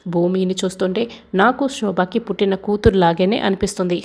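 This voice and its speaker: A woman with a gravelly voice voicing a stern middle-aged father who scolds firmly. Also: mid-range voice, fairly even intonation, a little fast, a little mellow, lightly acted. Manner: scolding, firm.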